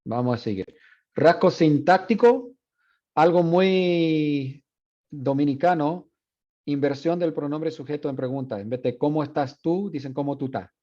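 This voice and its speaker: Relaxed male Spanish instructor. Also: fairly high pitch, a little slow, lo-fi sound. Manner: relaxed, explanatory, with fillers. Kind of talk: classroom lecture switching Spanish and English.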